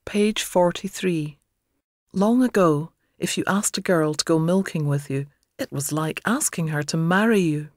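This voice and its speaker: Calm woman reading explanatory notes. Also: lowish voice, measured pace, no echo. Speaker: narrator. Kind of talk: scripted narration of notes.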